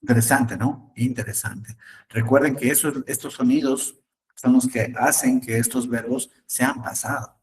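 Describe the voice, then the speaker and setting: Patient male English teacher, mid-pitched, repeats and checks in, distant mic. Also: fairly even intonation. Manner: patient, repeats words slowly, asks "¿no?". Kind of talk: online class, explaining in Spanish.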